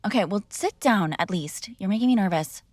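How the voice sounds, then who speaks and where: A woman acts out a one-sided ASMR girlfriend roleplay as a spoiled, defiant young daughter of a mob boss, speaking in an animated mid-range voice at normal speed. Firm and negotiating, she's conversational and argumentative, sighing and coaxing as she goes. Her voice sounds natural, and there's no echo.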